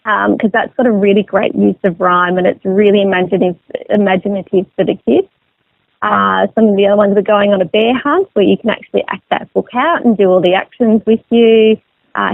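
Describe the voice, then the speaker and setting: Female interview guest, explanatory and chatty, gravelly fry in the voice, tinny telephone sound. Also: mid-range voice, moderate pace, no room sound. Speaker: magazine editor as interview guest. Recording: narrow phone line sound.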